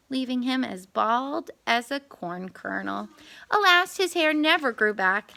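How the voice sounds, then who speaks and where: Woman, storybook read-aloud, animated pitch, bright tone, expressive with little asides. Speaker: storyteller reading to children.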